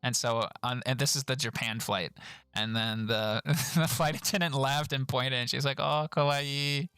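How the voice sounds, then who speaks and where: Bright, chatty young male streamer. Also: normal speed, clear, resonant tone, no echo. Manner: laughs often, animated storytelling with high-pitched quoted voices. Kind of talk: casual stream chat reviewing trip photos.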